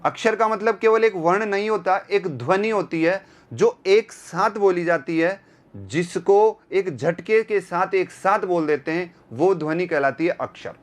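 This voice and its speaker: Male grammar lecturer, high voice, unhurried delivery, repeats terms and quizzes the class rhetorically. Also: expressive. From India. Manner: repeats key terms and asks rhetorical questions. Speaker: Hindi grammar teacher. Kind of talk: exam-prep grammar lecture.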